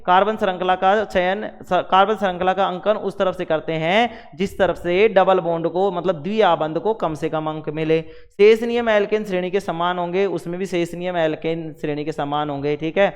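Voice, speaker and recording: A man's voice: sits high, smooth, in a large hall. A man teaching a revision lesson at the board, repeating terms and quizzing the class with questions.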